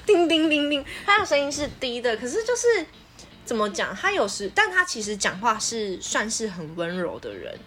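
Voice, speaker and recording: A woman's voice: on the high side, huge pitch swings, normal speed, a bit bright. A woman co-hosting a podcast in casual chat who talks with force. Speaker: podcast co-host. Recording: music playing underneath.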